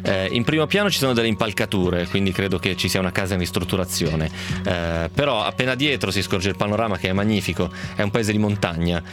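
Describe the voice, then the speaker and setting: A man hosting a radio show, chatting casually and reading listener messages, relaxed and a little hesitant. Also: low-pitched, fast, few pauses, over music. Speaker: radio host.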